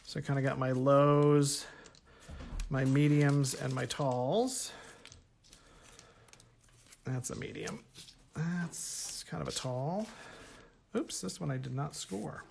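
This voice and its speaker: A man's voice: medium pitch, takes it slowly, gravelly, pauses often, a little mellow, slight background noise. A man teaching a painting workshop in a casual, chatty way, thinking aloud as he works at a table. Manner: chatty, thinks aloud while working, self-correcting. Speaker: art instructor. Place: home art workspace at a table.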